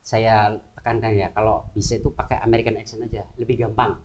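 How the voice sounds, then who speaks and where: A man's voice: on the low side, a little fast. Male teacher, casual, repeats himself; muffled recording. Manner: relaxed, repeats words, mixes in English phrases. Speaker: English teacher and book author. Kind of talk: casual interview talk.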